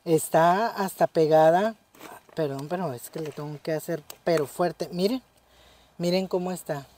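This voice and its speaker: A woman's voice: on the low side, measured pace, mellow. A woman talking casually in a home gardening vlog, fussing tenderly over a plant and often telling viewers to look. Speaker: gardening vlogger.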